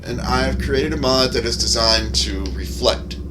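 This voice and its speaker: With music in the background, this streamer and modder walks through gameplay of a mod he made, loose and rambling and peppered with casual curses as he explains things. He speaks in a mid-range voice, a little slowly, over some background noise.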